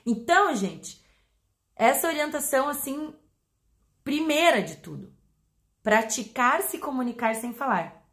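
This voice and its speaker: A woman with a Brazilian Portuguese accent, a pet behavior educator explaining to her audience in an animated way, acting out examples. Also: high voice, measured pace, long pauses. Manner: animated, acts out examples with voice changes.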